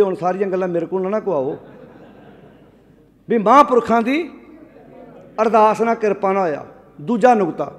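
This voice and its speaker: A man preaching a Sikh sermon in a Punjabi accent, telling village stories in an animated way and calling on the congregation to answer him. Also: high voice, in a large hall. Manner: animated storytelling, acts out quoted villagers, asks the congregation to answer. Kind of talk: katha sermon.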